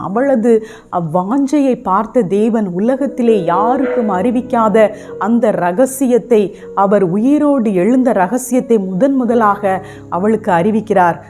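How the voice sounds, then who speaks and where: A woman preaching in Tamil with a fairly high voice, speaking straight to her listeners and pressing them with repeated questions. Background music runs clearly beneath her devotional sermon. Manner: earnest, addresses listeners directly with repeated questions. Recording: music playing under the voice.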